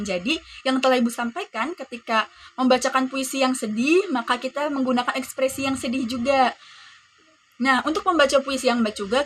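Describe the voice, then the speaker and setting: A woman's voice: high voice, bright, forceful tone. A woman with an Indonesian accent teaching a class lesson, explaining to pupils and acting out example readings.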